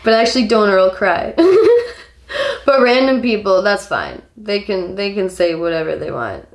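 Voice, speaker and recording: A woman's voice: mid-range voice, very animated, measured pace. A giggly, drunk woman in her twenties rambling casually to camera while doing her makeup. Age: 20s. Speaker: makeup vlogger. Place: small home kitchen, indoors. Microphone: camera a step or two away. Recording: echoey room, camera mic.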